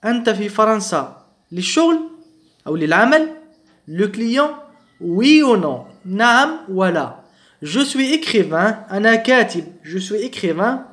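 Man, teacher, high voice, slow lines, quick explanations. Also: sing-song, fairly bright tone. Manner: reads French lines slowly, explains quickly in Arabic. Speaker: French teacher. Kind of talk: bilingual language lesson.

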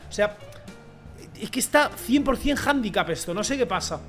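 Young man, very high and bright voice, ranting football game commentary, mutters and yells. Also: expressive, moderate pace, soft background music. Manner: rants, pleads and shouts at the game, swings from mutters to yells. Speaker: gaming streamer. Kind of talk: excited gameplay commentary.

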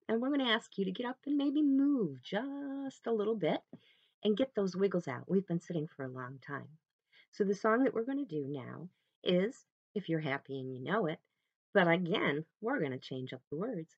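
A woman's voice: deep voice, slightly rough, dry recording. Woman, children's librarian, friendly and encouraging storytime talk, dry close sound, a bit dull and lo-fi. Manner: friendly, encouraging, speaks to parents and kids.

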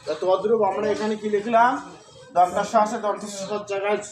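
A man's voice: high voice, fairly even intonation, fairly quick, reverberant, a little hiss or hum, low-quality recording. A man teaching a pronunciation lesson, patiently asking questions, answering them himself and counting syllables aloud. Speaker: Sanskrit recitation teacher.

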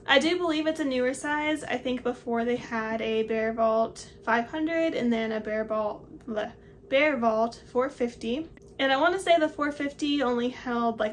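This hiking vlogger, a woman in her twenties, goes casually through her gear on camera in a small home office and chats about each item as she lifts it up. Her voice sits on the high side, and there's slight background noise.

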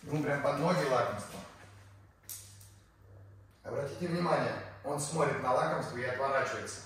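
A man's voice: medium pitch, normal speed, fairly bright tone, far from the mic. Effusive man vlogging in an echoey space. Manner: effusive, repeats words. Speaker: animal park host presenting pets and trainer. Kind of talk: casual chat to viewers while filming. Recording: echoey room with background noise.

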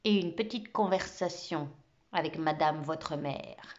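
A woman doing a harsh old schoolmaster with a rusty, scraping voice, dropping each word slowly like acid. The sound is muffled and lo-fi, and his tone sits low. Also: lively intonation, fairly bright tone. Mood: coldly menacing. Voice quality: rusty, grating voice. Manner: slow, icy, each word dropped with contempt. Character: stern old male French teacher, cold, cutting.

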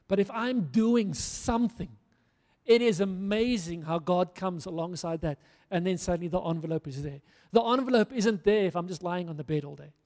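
Warm and high-pitched, the voice belongs to a middle-aged South African man giving a sermon as pastor on a church stage. He holds a handheld mic in the large hall and preaches earnestly, rousing the crowd through emphatic repetition, while long reverb fills the space.

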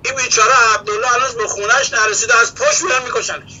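Male studio guest with a high, ringing voice, an animated storyteller who acts out dialogue. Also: a little hiss or hum, poor audio. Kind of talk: impassioned storytelling commentary.

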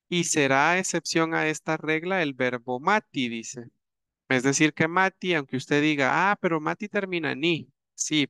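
Slow, bright-voiced man teaching. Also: fairly high pitch, smooth, no echo, clean studio sound. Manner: patient, repeats and spells out examples with many fillers. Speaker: language teacher. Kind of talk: explaining a grammar lesson.

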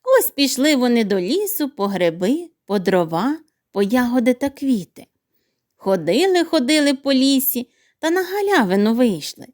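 A woman narrating a children's fairy tale in an expressive, sing-song way. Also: high-pitched, moderate pace. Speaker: storyteller.

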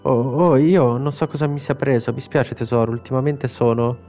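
A man's voice: medium pitch, fairly even intonation, normal speed, dark tone, faint music behind, close to an everyday voice. A man reading the lines of a frail, teasing old grandmother from a video game, in his own plain voice.

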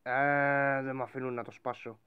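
A man playing a game and role-playing a bossy pirate captain who shouts orders at his crew. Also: medium pitch, little pitch movement, smooth, phone-quality sound. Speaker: gaming YouTuber. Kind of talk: Minecraft role-play commentary.

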